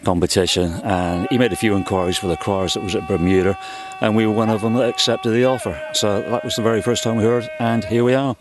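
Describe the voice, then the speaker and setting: A man's voice: lowish voice, fairly even intonation, fast talker. A man with a British accent answering interview questions, recorded with noisy ambience behind him. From United Kingdom. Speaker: competing town crier.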